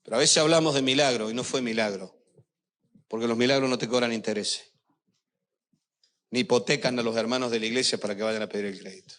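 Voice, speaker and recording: A man's voice: mid-range voice, fast, long pauses, a bit bright. An older man preaching a sermon as a pastor, telling personal stories with emotion and speaking straight to the congregation. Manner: emotional, storytelling, addresses the congregation directly.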